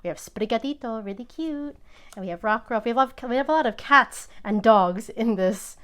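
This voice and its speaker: A woman hosting a casual unboxing video, chatting excitedly and sometimes tripping over her words. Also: a little high, moderate pace, clear, resonant tone. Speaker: host opening trading card packs.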